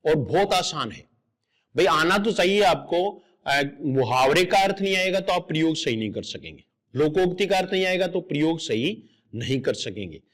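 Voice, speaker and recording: High-voiced man teaching exam grammar. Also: lively intonation, normal speed, a bit bright. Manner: patient, step-by-step explaining, repeats correct forms aloud. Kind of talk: explanatory lecture.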